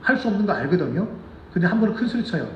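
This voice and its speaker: A man preaching a sermon as pastor, animated and asking the congregation questions, sometimes acting out children's voices. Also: high voice, very fast, roomy sound, far from the mic, dull audio, a little hiss or hum. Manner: acts out children's voices in quotes. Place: church sanctuary.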